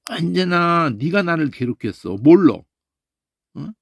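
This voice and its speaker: Gravelly-voiced male Bible teacher. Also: on the high side, unhurried, no echo, studio quality. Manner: animated, peppers talk with questioning "eh?" tags. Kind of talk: Bible study lecture.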